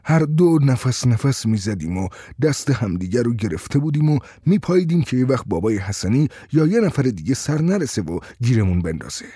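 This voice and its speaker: A man reading a story aloud with steady, tense pacing. His voice is mellow and dark with a husky texture, and it sounds close and dry. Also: medium pitch, no echo. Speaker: narrator. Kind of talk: storytelling narration.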